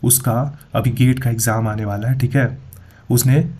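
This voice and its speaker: Dark husky-voiced man explaining emphatically. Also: medium pitch, fairly even intonation, unhurried. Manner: emphatic, repeats "thik hai" as he goes. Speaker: YouTube explainer. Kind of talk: screen-share explainer video.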